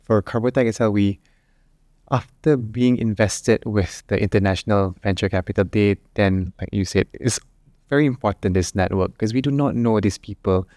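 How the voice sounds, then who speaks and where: An earnest man with a voice a bit low for a man, recorded close and dry. He speaks as a startup founder in a relaxed panel chat, thinking out loud as he goes. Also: moderate pace, no room sound.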